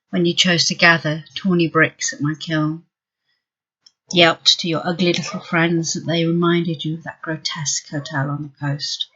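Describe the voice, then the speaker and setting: A poet reading a poem aloud with a flat, unhurried delivery. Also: medium pitch, dull audio. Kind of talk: poetry reading.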